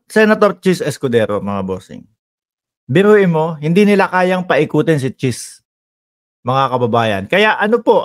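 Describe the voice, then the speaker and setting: A man from the Philippines giving casual political commentary as a vlogger, talking straight to his viewers in a teasing, sarcastic way. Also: on the high side.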